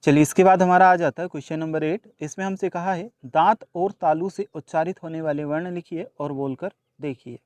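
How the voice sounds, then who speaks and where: Male teacher, slightly high voice, dry close sound, addresses kids, answers his own questions. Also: steady tone, a little fast, hardly any pauses, a little mellow, dry recording. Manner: mixes English numbers and words into speech. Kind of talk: workbook solution lesson.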